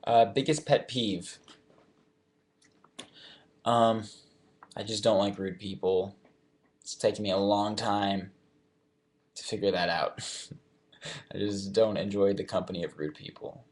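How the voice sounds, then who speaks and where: A man's voice: fairly low pitch, fairly even intonation, takes it slowly, pauses often. A young man in his twenties answering fan questions in a casual live chat, reading each question aloud and then thinking it through.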